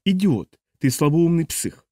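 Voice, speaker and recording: A man voicing a defiant, scornful young woman who argues and mocks in a raised, high voice. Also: big pitch swings, unhurried, dark tone, dry recording, clean studio sound.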